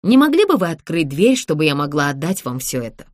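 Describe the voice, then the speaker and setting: A woman's voice: low voice, very animated, brisk, no echo, clean studio sound. A woman voicing a young heroine who speaks earnestly and coaxingly in a thriller audiobook. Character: brave young woman, tense but kind.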